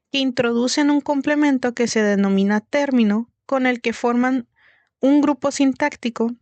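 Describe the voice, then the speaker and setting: A woman narrating a written lesson with an even, careful delivery. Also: sits high, dry recording. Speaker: lecturer. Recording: dry close recording.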